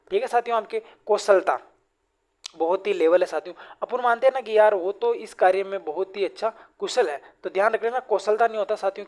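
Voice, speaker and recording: A man's voice: high voice, a little mellow. A male teacher runs an exam-prep grammar lesson. He fires repeated rhetorical questions at the students and calls them friends again and again. His tone stays that of a classroom drill. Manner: drills correct and incorrect word forms.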